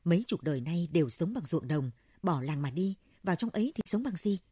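A woman's voice: lowish voice, lively intonation, a little fast, warm tone, slightly rough, no echo, clean studio sound. A woman reading the part of an anxious elderly landowner who speaks deferentially to a monk, asking for advice. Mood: worried. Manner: pleading, deferential. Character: old wealthy landowner, anxious, respectful to monk.

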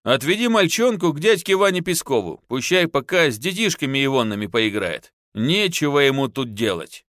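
Gruff peasant husband in a storybook, voiced by a man, blunt and mocking, lively delivery. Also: medium pitch, moderate pace, no echo, studio quality. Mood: commanding.

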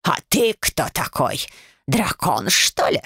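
A woman puts on a furious old woman's ghost who speaks slowly and harshly, full of contempt. Her rasping voice sounds dry and close. This is an audiobook reading. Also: lowish voice, wildly swooping pitch, sharp tone, no room sound, heavily acted. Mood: scornful. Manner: slow, rasping, scornful delivery.

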